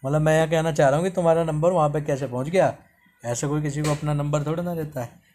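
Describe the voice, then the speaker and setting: A man's voice: on the high side, steady tone, fast, darkish tone. A man telling a story in a casual vlog, reading chat messages aloud in a skeptical, indignant way. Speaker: YouTuber.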